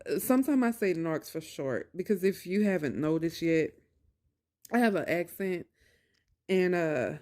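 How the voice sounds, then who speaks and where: Her voice is lowish and expressive, a little slow and slightly mellow. Talking informally to viewers, the creator recounts a personal experience of narcissistic abuse in everyday phrasing, with emphatic delivery and repeated phrases for emphasis.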